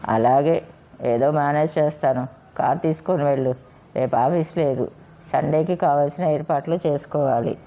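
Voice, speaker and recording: A woman's voice: low-pitched, moderate pace, warm tone, a little hiss or hum. A woman voicing a meek, henpecked husband who talks with a sly, sarcastic edge, on a slightly dull recording. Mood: pleading. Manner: pleading, then sarcastic. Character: meek henpecked husband, cheeky when free.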